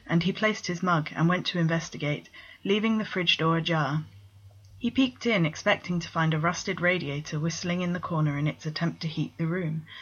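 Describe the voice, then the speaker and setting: A woman with a lowish voice reads a story aloud at a steady, even pace. The recording sounds dull and lo-fi, with the top end muffled. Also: slightly rough. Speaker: narrator. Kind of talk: scripted story reading.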